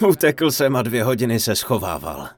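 A man giving a humorous dharma talk, telling a funny story in an animated, playful way. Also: medium pitch. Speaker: Czech voice-over of a Buddhist teacher's talk.

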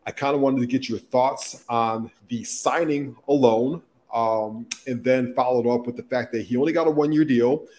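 A man filling in as co-host on a football talk show, setting up questions and giving measured opinions in casual talk. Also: medium pitch, warm tone. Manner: asks questions, then gives measured opinions. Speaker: substitute co-host.

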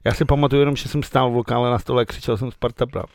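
A man's voice: medium pitch, fairly even intonation, vocal fry, no echo. A man co-hosting a podcast, bantering with jokes and frequent swearing. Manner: joking, swears often. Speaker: podcast co-host, journalist.

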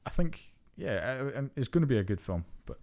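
A man's voice: medium pitch, a little fast. A young man co-hosting a podcast, ranting casually and swearing freely as he chats. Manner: profane, ranting, animated. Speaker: podcast co-host. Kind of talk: casual chat.

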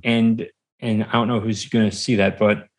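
A man chats casually as a guest on a podcast, recorded on a standard podcast mic. His voice is lowish and flat at a normal speed, and he's hesitant and rambling, often repeating himself.

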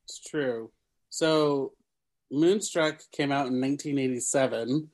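A man's voice: mid-range voice, measured pace, darkish tone. A man hosting a casual podcast chat, reading film facts and laughing off his slips over names. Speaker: podcast host.

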